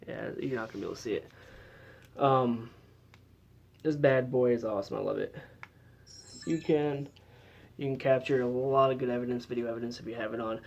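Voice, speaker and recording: A man's voice: medium pitch, a little fast, vocal fry, dull audio. A man giving a casual how-to demonstration as a paranormal investigator, explaining in a loose, chatty way with lots of fillers.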